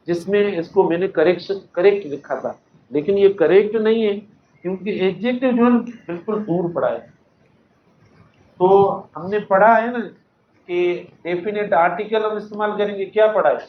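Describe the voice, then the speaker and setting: A man with a Sindhi accent teaching English grammar, patiently explaining and slowly repeating example sentences while quizzing his students. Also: high voice. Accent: Sindhi-accented Urdu. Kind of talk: classroom grammar lecture. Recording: echoey classroom, dull lo-fi recording with faint noise.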